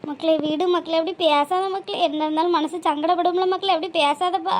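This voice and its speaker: A woman's voice: extremely high pitch, fairly even intonation, a little fast. A woman voicing a kindly older woman who pleads and soothes. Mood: pleading.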